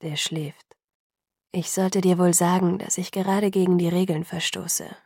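A woman's voice: little pitch movement, a little slow, creaky, breathy edge, no echo, clean studio sound, heavily acted. Edward, a woman doing a whispering young man. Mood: hushed. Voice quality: soft, low whisper. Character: brooding young man, hushed and guarded. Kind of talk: whispered role-play.

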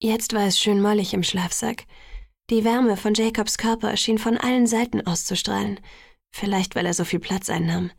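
A woman reads a first-person audiobook with an intimate, husky delivery that slips into whispers. Her voice has a gravelly grain, and the close studio recording is completely dry. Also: medium pitch, fairly even intonation, moderate pace, no echo. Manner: intimate, partly whispered narration. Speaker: audiobook narrator.

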